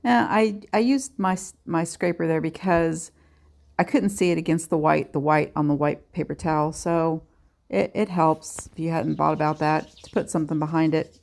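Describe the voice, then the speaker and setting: A woman's voice: sits low, fairly even intonation, moderate pace, vocal fry, darkish tone. A woman giving a chatty, self-deprecating nail art tutorial in a casual voice-over.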